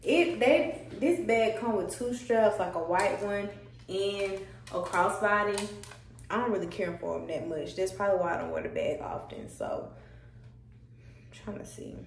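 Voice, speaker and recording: A woman's voice: mid-range voice, a little slow, vocal fry, a little hiss or hum. Chatty woman vlogging from across a roomy space. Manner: chatty, easygoing, slangy. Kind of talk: casual vlog chat. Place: home indoors. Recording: roomy, from a distance, faint music. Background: faint music from a TV.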